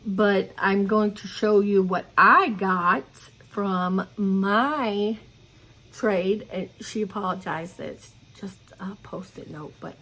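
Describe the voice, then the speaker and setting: A woman's voice: mid-range voice, fairly bright tone. A middle-aged woman chatting casually about her cross-stitch haul in an enthusiastic, rambling way, recorded at home. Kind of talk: casual show-and-tell chat.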